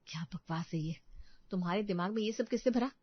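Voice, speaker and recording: A woman's voice: medium pitch, fast, breathy edge, no room sound. A woman voicing a worried mother in a cartoon who pleads for her daughters. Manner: pleading, earnest. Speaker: mother character and narrator. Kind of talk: cartoon voice acting. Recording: dull dry recording.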